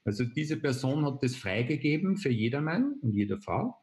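A man, explaining a software tool step by step on a video call, with frequent hesitation fillers. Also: medium pitch, big pitch swings, moderate pace. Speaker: presenter. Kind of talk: online webinar demonstration. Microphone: video call webcam.

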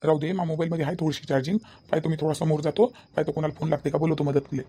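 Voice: medium pitch, little pitch movement, rapid-fire, mellow, slight background noise, natural voice. A voice actor playing a worried grown son in a cartoon, fretting and soothing his mother. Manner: fretting, placating. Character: anxious grown son stuck in a forest. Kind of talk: cartoon voice acting.

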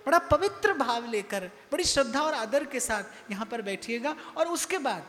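A man's voice: extremely high pitch, animated, normal speed, fairly bright tone. A man giving a devotional sermon in a temple hall, speaking emphatically and repeating phrases for effect. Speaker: spiritual discourse speaker. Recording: long hall reverb, faint music behind.

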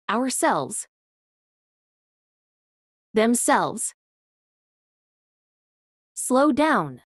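A woman teaching beginners, reading each short phrase with great care. Her delivery is extremely slow and her pitch swings widely from phrase to phrase. The sound is dry and close with no room echo. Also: fairly bright tone. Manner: reads each short phrase slowly and clearly, with long pauses. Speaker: English teacher. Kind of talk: slow phrase drills for learners.

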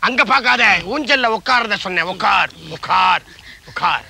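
An actor playing a blustering comic gangster boss in a stage play, bossy and boastful, barking orders and threats. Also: male voice, extremely high pitch, animated, brisk, bright, forceful tone, full character voice. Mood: menacing.

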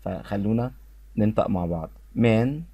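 A man with an Egyptian Arabic accent teaching English pronunciation, repeating each word slowly and clearly for his students. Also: lowish voice, steady tone, dry recording, muffled recording. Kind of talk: pronunciation lesson.

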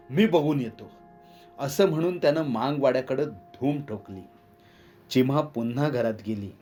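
A man reading a dramatic village story aloud, raising his voice to act out the characters' lines. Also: medium pitch. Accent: Marathi. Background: soft instrumental music.

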